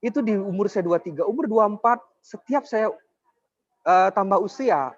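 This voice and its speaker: Young guy doing a sales pitch talk, kinda high voice, dull lo-fi dry sound. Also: fairly quick, no echo. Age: 20s. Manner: persuasive, keeps addressing the audience. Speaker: network marketing presenter. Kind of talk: motivational sales presentation.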